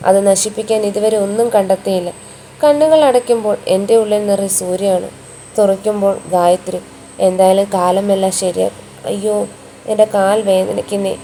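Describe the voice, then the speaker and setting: A woman narrating a romantic story in an even, unhurried reading voice. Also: medium pitch, slight background noise, rough recording.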